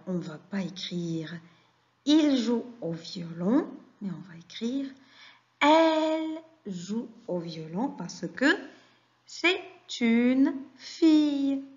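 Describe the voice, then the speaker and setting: A woman teaches very young pupils at an unhurried, deliberate pace, stretching out every word and pausing for answers. Her questions and quick praise come in a patient classroom manner. The sound is dull and a little lo-fi. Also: mid-range voice, darkish tone. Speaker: French teacher. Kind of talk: classroom lesson for young children.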